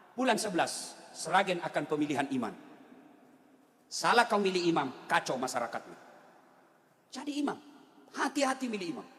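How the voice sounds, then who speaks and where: A man preaching a humorous sermon, telling lively stories and repeating rhetorical questions to the crowd. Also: sits high. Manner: animated storytelling, repeats rhetorical questions, acts out characters. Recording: long hall reverb.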